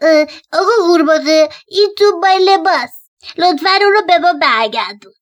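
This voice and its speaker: A woman doing high squeaky excited rabbits. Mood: pleading. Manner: eager, loud and wide-eyed. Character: small excited young rabbits.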